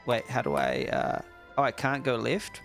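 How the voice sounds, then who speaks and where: Sleepy streamer guy, gravelly voice, dry jokes, faint game music behind. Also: medium pitch, very animated, normal speed, fairly bright tone. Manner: wry, chatty asides. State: sleepy, yawning. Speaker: streamer judging a game jam. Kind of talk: casual live commentary while playing.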